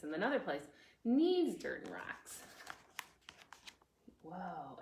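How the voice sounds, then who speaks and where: A woman with a fairly low, slightly mellow voice hosts a preschool storytime, reading aloud and chatting expressively while asking her young listeners lots of questions. It's a children's read-aloud full of chatty explanations, recorded in an echoey room with background noise.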